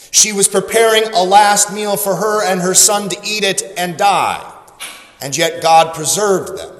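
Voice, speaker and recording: Slow-preaching pastor in an echoey hall. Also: male voice, high voice. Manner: slow, deliberate preaching with dramatic pauses. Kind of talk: sermon. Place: church sanctuary. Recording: echoey church hall, long reverb.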